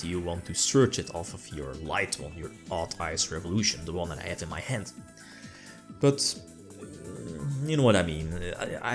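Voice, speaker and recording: Low-voiced man rambling through gameplay commentary. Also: creaky. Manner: rambling, full of fillers and restarts. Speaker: card game player commentating his deck.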